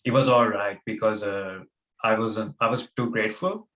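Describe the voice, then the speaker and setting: A young man from Sri Lanka, a guest on an interview podcast, speaking with hesitant pauses and fillers. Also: fairly low pitch, fairly even intonation, fairly bright tone. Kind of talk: casual interview chat.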